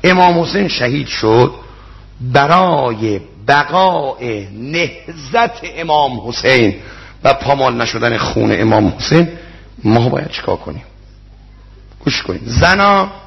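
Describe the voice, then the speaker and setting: A man's voice: mid-range voice, gravelly. A man preaching a sermon, telling stories with emotional quoted dialogue. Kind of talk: religious sermon with storytelling. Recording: dull lo-fi recording.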